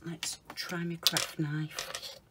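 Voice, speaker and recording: A woman talking viewers through a polymer clay project, chatting casually, calling them guys and murmuring softly to herself as she works. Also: low voice, little pitch movement, very slow, very noisy. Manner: chatty, often calls viewers guys, mutters softly to herself while working. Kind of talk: casual crafting tutorial.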